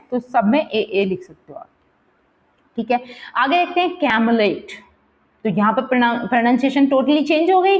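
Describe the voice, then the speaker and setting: This is an exam-prep literature lesson in which a woman explains a poem, mixing English terms into her talk and often checking that her students are with her. She counts and repeats words aloud while pointing to the text, in a slightly high, slightly mellow voice on dull audio.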